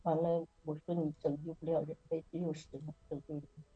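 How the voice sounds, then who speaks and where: A woman's voice: deep voice, little pitch movement, fast, breathy edge, narrow, tinny audio. A middle-aged woman sharing an earnest, casual testimony at a prayer meeting over an online call, often laughing as she tells her story.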